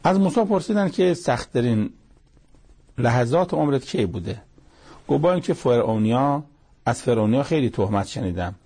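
A man's voice: mid-range voice, creaky, dark tone, slightly rough. A man giving a Quran commentary talk, retelling the stories in a colloquial storytelling way, his voice rising at the outbursts. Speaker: Quran teacher.

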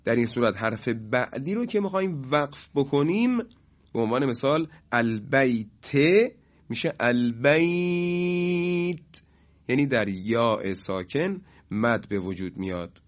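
A man's voice: medium pitch, expressive. Man teaching recitation, chanting long examples. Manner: explains slowly, chants examples drawn out. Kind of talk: lesson on tajwid rules. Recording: dull lo-fi recording.

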